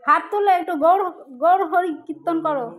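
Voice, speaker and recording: A woman's voice: very high-pitched, brisk, low-quality recording. A woman chatting casually while filming on a phone, coaxing and repeating her requests. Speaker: person filming an elderly relative. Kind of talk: casual chat to camera. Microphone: behind a handheld phone.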